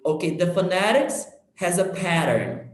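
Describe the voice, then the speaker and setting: A male English teacher giving an online conversation lesson, patiently correcting and modeling pronunciation slowly. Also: sits high, big pitch swings. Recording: echoey room.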